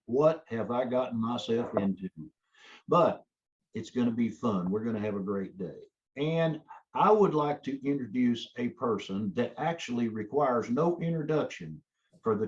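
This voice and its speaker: A man's voice: mid-range voice, muffled recording. A man introducing the next speaker at an online workshop in an upbeat, encouraging way. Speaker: workshop co-host.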